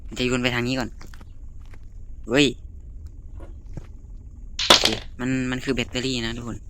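A man giving excited, chatty commentary to his viewers as he plays a horror game. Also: medium pitch, unhurried, very noisy. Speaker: gaming YouTuber. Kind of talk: live gameplay commentary.

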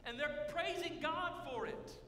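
A man in his thirties, a pastor preaching a sermon with emphatic, drawn-out phrasing in a large church sanctuary. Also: very high voice, pushed and bright, slight background noise. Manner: emphatic preaching, drawn-out words, gestures while walking the stage. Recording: echoey hall from far off.

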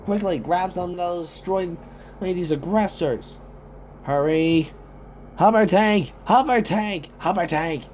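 In amateur sci-fi video-game voice lines, a man plays an excitable soldier commander, shouting frantic, urgent battle callouts in a halting way. His voice is high-pitched, and there is a little hiss or hum in the audio.

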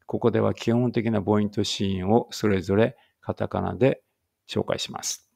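A man reading a language lesson aloud slowly and carefully, with muttered asides to himself. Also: fairly low pitch, fairly even intonation, creaky, dark tone.

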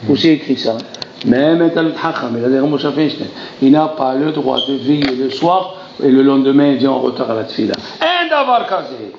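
A man giving a Torah lesson, animated and theatrical, acting out dialogues and crying out in exclamations. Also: mid-range voice, brisk, a little hiss or hum. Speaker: rabbi teaching a Torah class. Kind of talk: lively French Torah lesson. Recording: roomy lo-fi recording with faint ambience.

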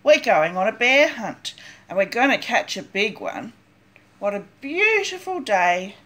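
Older lady with a grandma voice reading a kids book, slow and really up and down. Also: fairly high pitch, big pitch swings, a bit bright. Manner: grandmotherly, deliberate and sing-song, dramatic emphasis. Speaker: storyteller reading a picture book aloud. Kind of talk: expressive read-aloud for young children. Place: small cluttered room at home, indoors.

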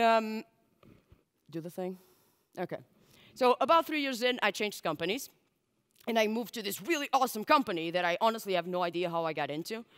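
Her voice is medium-pitched, fairly bright, clear and resonant: a woman in her twenties, native in Portuguese, speaking candidly and chattily at a conference, with plenty of likes and asides. She wears a headset mic on a large dark stage before an audience, and the hall's reverb trails long.

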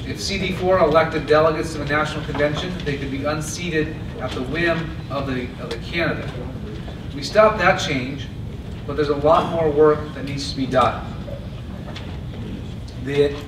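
A man giving a steady, earnest convention stump speech at a podium microphone. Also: a little high, moderate pace. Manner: earnest, steady delivery with occasional restarts. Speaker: party chair candidate. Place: large convention hall, indoors. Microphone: podium mic on stand. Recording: echoey hall from a far camera with noise.

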